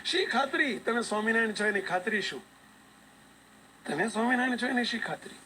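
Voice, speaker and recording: A man's voice: very high-pitched, lively intonation, a little fast, bright, forceful tone, slight background noise, pitched above the performer's own voice, exaggerated voice, rough recording. A male preacher voicing a shrewd king in a devotional tale, insistent and urgent. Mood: doubting. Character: proud shrewd king, doubting then pleading.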